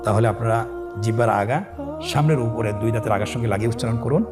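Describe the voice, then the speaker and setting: A man teaching Arabic letters for Quran reading step by step, calm and patient, with a Bangladeshi accent, drawing out each letter sound for listeners to repeat. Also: medium pitch, very fast. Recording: voice over background music.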